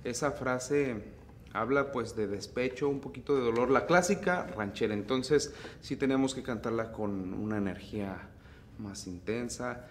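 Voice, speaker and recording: A man with a Mexican accent, a mariachi singer teaching vocal technique in an unhurried, relaxed way. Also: medium pitch, a little hiss or hum. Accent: Mexican Spanish. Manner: unhurried, explains phrasing, breaks into singing. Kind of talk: relaxed vocal tutorial with sung demonstrations.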